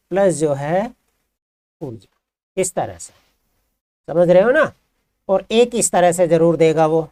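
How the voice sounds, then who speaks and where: A man's voice: high voice, dark tone, no echo. Dry, patient male Hindi teacher. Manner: explains patiently, asks the class questions and answers them himself. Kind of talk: classroom grammar lesson.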